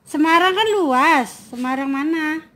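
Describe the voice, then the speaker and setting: Young woman caregiver, high voice, keeps asking the same thing patiently. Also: unhurried, pushed and bright. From Brebes, Central Java, Indonesia. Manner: patient, repeats questions over and over. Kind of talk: casual chat.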